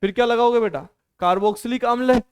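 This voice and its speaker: High-voiced guy teaching chem, crisp clear voice, keeps asking the class stuff and answering it himself. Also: fast talker. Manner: quizzes students and answers his own questions, calls them "beta". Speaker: chemistry teacher. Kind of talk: classroom lecture on a whiteboard.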